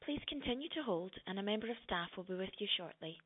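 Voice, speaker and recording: A woman reading a recorded phone menu announcement in a calm, measured, formal way. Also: medium pitch, loud music behind the voice. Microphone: phone line playback. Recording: tinny phone line.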